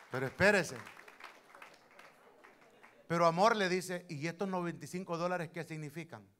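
Preaching to his congregation, a man whose voice sits a bit high tells stories and calls his listeners brother. He delivers some lines with abrupt, loud force.

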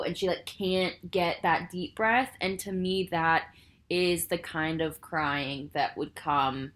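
Her pitch is fairly low and her tone fairly bright as she hosts a casual film review podcast. Earnest and emotionally invested, the woman rambles chattily, filling her speech with "like" and "I think."

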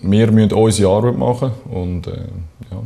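A young Swiss man, a handball player, answering in a studio interview with measured, hesitant phrasing. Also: lowish voice, creaky, mellow. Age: young adult. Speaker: professional handball player, team captain. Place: small TV studio.

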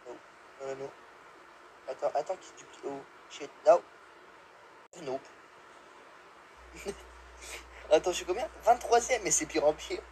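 A young man giving live gameplay commentary, excitable, yelping and laughing, swearing and dropping English exclamations. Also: on the high side, measured pace, pauses often, a little hiss or hum, low-quality recording. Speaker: gamer.

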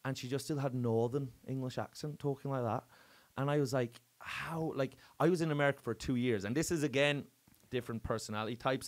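An Irish man, a guest comedian, in casual podcast chat, loud and jokey and swearing freely. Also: mid-range voice. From Ireland. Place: podcast studio.

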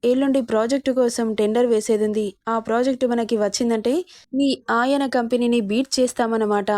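A brisk, persuasive young man, as a woman narrator puts him on, talking business with friendly push. The voice stays fairly high, and the recording is dry. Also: steady tone, darkish tone, no echo, close to an everyday voice. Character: friendly male cousin and business partner.

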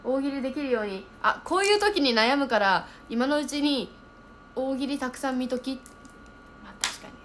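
A young woman chatting casually on a livestream, reading viewer comments aloud and thinking out loud as she reacts. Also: sits high, expressive, normal speed, a little hiss or hum.

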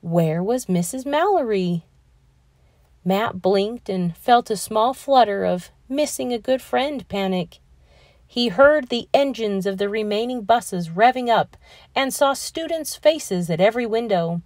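A woman reading a children's picture book aloud in a measured, expressive storytelling manner. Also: a little high, no room sound, studio quality. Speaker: read-aloud narrator.

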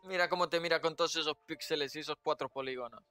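A man giving excitable, jokey let's play commentary, swearing freely. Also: a little high, fast, smooth. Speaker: streamer.

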